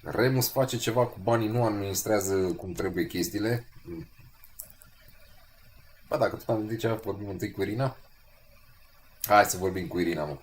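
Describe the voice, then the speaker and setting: A young man giving lively gameplay commentary, ranting and cursing casually. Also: fairly low pitch, long pauses, slight background noise. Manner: animated, swears, rants. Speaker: streamer.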